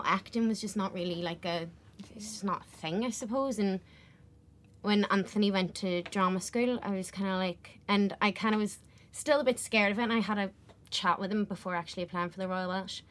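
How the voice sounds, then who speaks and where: A young woman with a West Belfast accent chats casually and effusively in an interview, repeating words for emphasis. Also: medium pitch. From West Belfast, Northern Ireland. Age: young adult. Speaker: actress being interviewed.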